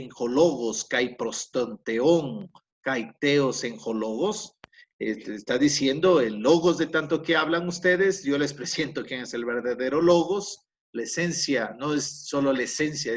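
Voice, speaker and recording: Slow, patient Spanish-speaking language teacher. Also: male voice, mid-range voice. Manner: explanatory, repeats key points, frequent fillers and self-corrections. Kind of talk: recorded class lecture.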